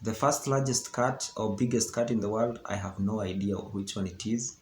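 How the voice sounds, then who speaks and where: Speaking at a moderate pace in a voice on the low side, this young Kenyan man, with a Kenyan accent and English as a second language, teaches casually in his vlog. He keeps checking in with "okay? yeah," and the audio carries roomy echo over faint hiss.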